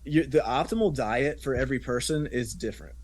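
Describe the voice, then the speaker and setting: A man's voice: medium pitch, fairly quick, slight background noise. A man who is a business coach, guesting on a podcast and chatting animatedly, mimicking others when he quotes them. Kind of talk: casual conversational interview.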